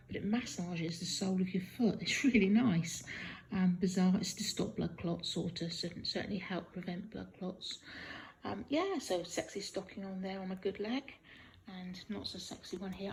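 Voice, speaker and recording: A woman talking casually in a halting video diary from a hospital room, sounding weak and tired and in some pain hours after surgery. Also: fairly low pitch, darkish tone, slight background noise, rough recording. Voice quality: husky, creaky. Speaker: patient recording a post-op video diary.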